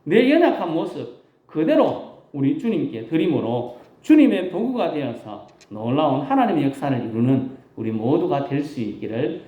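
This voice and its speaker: Animated Gyeongsang-accented country pastor preaching. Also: male voice, fairly high pitch, moderate pace, roomy sound, narrow, tinny audio. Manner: folksy, emphatic, self-deprecating humor. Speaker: rural pastor. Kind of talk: Sunday sermon.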